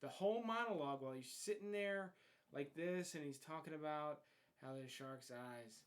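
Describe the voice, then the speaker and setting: A man's voice: on the high side, normal speed. A man hosting a casual movie review, talking bluntly and swearing freely as he comments on the film. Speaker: host of a movie review show.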